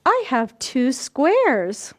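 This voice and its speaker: An older woman hosting a children's library storytime talks slowly in a high voice with wildly swooping pitch. She explains things to young children simply and step by step while demonstrating, in a small plain room, recorded by a camera a few feet away.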